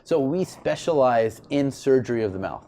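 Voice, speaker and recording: A man's voice: mid-range voice, moderate pace. A man speaking as an oral surgeon, giving explanatory answers in an interview. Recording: steady background ambient noise.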